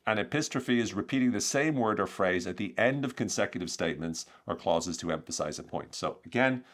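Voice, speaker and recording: A man with a lowish voice teaches on his podcast, chatty and energetic. He walks through ideas one example at a time in a conversational flow. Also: a little fast. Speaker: podcast host, communication coach.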